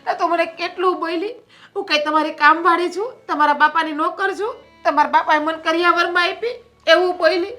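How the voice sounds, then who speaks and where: An actress playing a scheming elder sister-in-law in a family drama. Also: female voice, extremely high pitch, steady tone, fairly quick, sharp tone. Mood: aggrieved.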